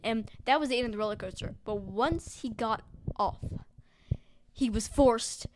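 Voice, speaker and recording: A young woman with a high, bright-pitched voice jumps in eagerly with wild new twists. Her telling is playful and quick to cut in. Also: background noise. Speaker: podcast guest. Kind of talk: improvised storytelling chat.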